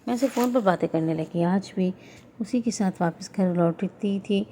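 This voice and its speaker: A woman narrating an emotional first-person story in a steady, earnest way. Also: mid-range voice, slight background noise.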